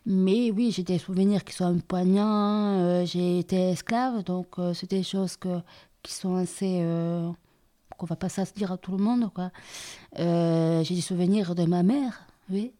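A woman in her thirties, from southern India and raised in France, telling her life story in a hesitant way with many pauses and restarts. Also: fairly low pitch, steady tone. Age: 30s. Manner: hesitant, many fillers and restarts, soft-spoken. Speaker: interviewee. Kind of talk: personal testimony.

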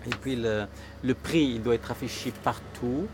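A man running a small grocery shop, chatting and joking loudly with customers. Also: mid-range voice, normal speed, noisy background. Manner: jovial, teasing, greets customers loudly. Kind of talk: chatty talk with customers on camera.

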